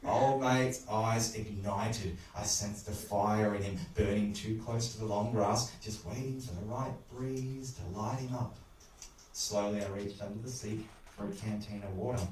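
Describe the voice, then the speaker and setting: A man narrating a macabre short story in an animated, wry, crude style, recorded in an echoey room away from the mic. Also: lowish voice, measured pace, far from the mic, slight background noise. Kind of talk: dramatic spoken horror narration.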